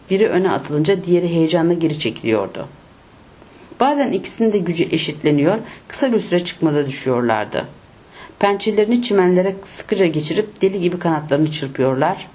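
A woman reading a novel aloud in a steady, measured audiobook narration. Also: sits low.

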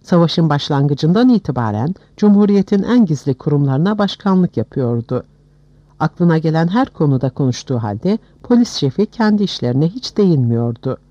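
A man narrating a historical novel as an audiobook with a steady, expressive reading. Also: a little high, moderate pace, no echo, highs cut off.

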